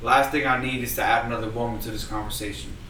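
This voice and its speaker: A man co-hosting a casual podcast chat, blunt and profane, who grows loud and animated when he argues a point. He sits well back from the mic in an echoey room. A steady noise hums underneath his voice. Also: mid-range voice, fast talker. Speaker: podcast co-host. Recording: roomy, distant mic with background noise.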